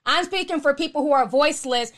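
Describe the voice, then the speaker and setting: A woman's voice: high voice, fast, fairly bright tone. A woman hosting a live stream, chatting casually and answering viewer comments in a sassy, blunt, slangy, outspoken way.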